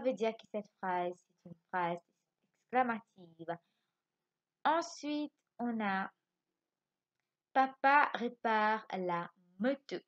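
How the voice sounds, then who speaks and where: A woman with a Mauritian French accent teaching a remote lesson to young pupils, explaining slowly and patiently and checking often that they follow. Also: medium pitch, highs cut off. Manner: slow, patient explaining with frequent checks for understanding. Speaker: primary school teacher. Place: home.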